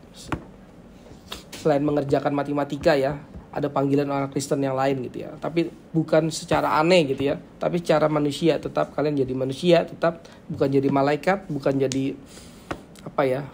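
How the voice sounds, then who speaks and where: A man's voice: a little high, vocal fry, a little mellow, a little hiss or hum. A man teaching students, giving a casual chatty devotion and a closing prayer. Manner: chatty, conversational, frequent tag questions.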